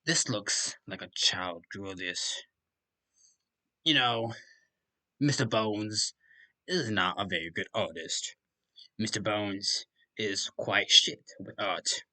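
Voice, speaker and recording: Sharp-voiced man mocking a fanfic. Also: on the low side, slow pace, long pauses, poor audio. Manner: crude joking asides, refers to himself in third person. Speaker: channel host reading fanfiction. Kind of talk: comedic dramatic reading with commentary.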